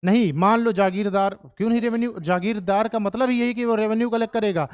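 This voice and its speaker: A man's voice: sits high, fairly even intonation, fast talker, clean tone. A man teaching history to a class of exam students, chatty and often checking that they follow.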